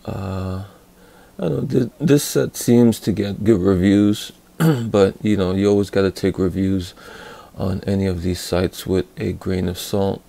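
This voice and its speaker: A man with a dark, mellow, somewhat gravelly voice talks through a hands-on tool review. He speaks very slowly and unhurriedly, pausing often with fillers and restarting his sentences. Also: low-pitched, steady tone. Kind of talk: casual hands-on product review.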